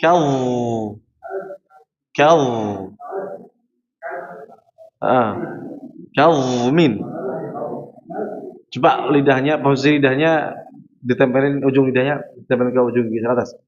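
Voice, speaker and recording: A man leads a tajweed class in a mosque at an unhurried, slow pace. He corrects students patiently and models each sound by repeating it. The recording is muffled and lo-fi, with a faint hum of ambience. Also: mid-range voice. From Central Java, Indonesia. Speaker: Quran recitation teacher.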